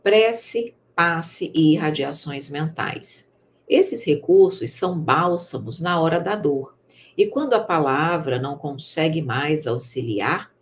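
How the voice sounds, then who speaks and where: Calm, measured woman teaching. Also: sits low, slight background noise. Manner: calm, measured, gently instructive. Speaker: spiritist course teacher. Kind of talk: recorded online lesson.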